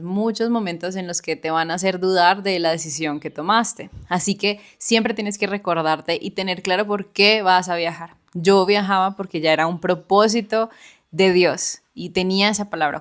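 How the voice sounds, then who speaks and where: A woman co-hosting a podcast, earnestly telling her own experience and speaking directly to the listener. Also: mid-range voice. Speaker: podcast co-host. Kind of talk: personal storytelling chat.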